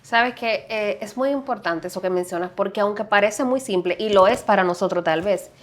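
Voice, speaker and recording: Woman, podcast host, measured, affirming, medium pitch. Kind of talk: interview questions.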